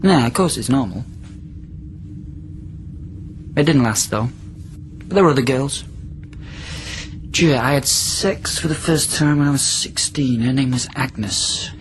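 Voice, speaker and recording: A man with a medium-pitched voice, speaking a little slowly in a lightly acted style, plays a volatile captive from centuries past in a radio drama. He probes and rambles, swinging between tenderness and menace. The mood is probing and nostalgic.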